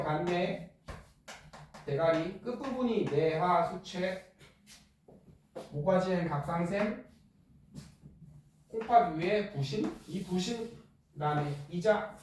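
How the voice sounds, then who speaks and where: A middle-aged male teacher lecturing a class in a joking, blunt way and firing quick questions at students. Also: high-pitched, noisy background. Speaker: middle school science teacher. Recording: echoey classroom from far off.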